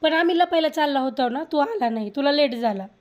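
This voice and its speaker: Woman, young mother, high voice, casual, playful, soothing, coaxing. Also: expressive, brisk, a little mellow. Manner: coaxing, playful, talks sweetly to small children. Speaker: mother playing with her children. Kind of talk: casual family chat.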